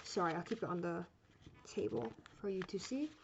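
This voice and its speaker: Speaking at a medium pitch and moderate pace with a creaky voice, this origami instructor leads a casual craft tutorial. She chats and rambles, often apologizing and correcting herself, over dull lo-fi audio with steady noise.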